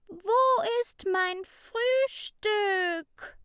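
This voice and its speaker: A woman voicing a bossy, angry little schoolgirl who shouts and hisses accusations. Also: very high-pitched, drawn-out words, dry recording, clean studio sound, pitched above the performer's own voice, heavily acted. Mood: angry shouting.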